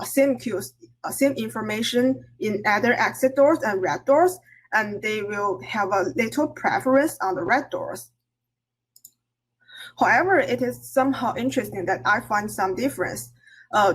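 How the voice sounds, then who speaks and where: Female research presenter, mid-pitched and somewhat husky, hesitant delivery with self-corrections, explanatory conference-talk style. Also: low-quality recording.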